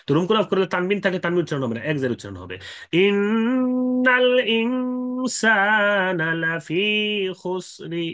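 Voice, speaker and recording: A man giving a Quran recitation lesson. He explains the rules with fillers, then chants the example verses slowly and more loudly. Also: on the high side. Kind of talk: tajweed lesson, explaining in Bengali.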